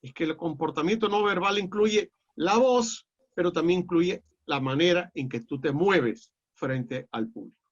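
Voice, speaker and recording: A middle-aged man with a Peruvian accent lecturing a class in a measured, explanatory way, often pausing on "eh". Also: fairly high pitch. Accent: Peruvian Spanish. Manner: measured and explanatory, with frequent "eh" fillers and restarts. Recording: dull lo-fi audio.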